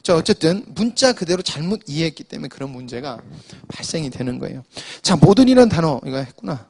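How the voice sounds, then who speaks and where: A man's voice: a little high, darkish tone, husky. A man preaching an afternoon church sermon, explaining scripture to the congregation and often restarting with "so" to move on. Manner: explanatory, addresses congregation with frequent "자".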